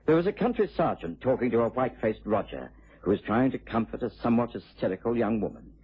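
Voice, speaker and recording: Doctor Watson, very husky British storyteller. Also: male voice, mid-range voice, big pitch swings, fast. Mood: measured, recounting. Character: Victorian gentleman doctor, genial detective's companion and narrator. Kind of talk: scripted first-person radio drama narration. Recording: tinny, muffled vintage radio recording with music.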